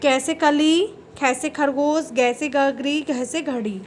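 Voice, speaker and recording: A woman teacher with a Hindi accent gives a children's grammar lesson. She sounds out each letter slowly and carefully and calls her young listeners "beta". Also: high-pitched, fairly even intonation, slight background noise. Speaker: school teacher.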